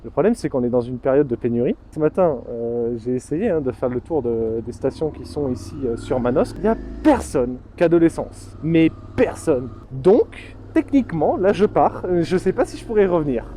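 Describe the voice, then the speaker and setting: A man with a southern French accent talks in a loose, rambling way while out riding his motorcycle and swears freely. His voice is mellow and a little high, with faint noise behind it. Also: expressive, normal speed, poor audio. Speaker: motorcycle vlogger. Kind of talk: casual vlog while riding.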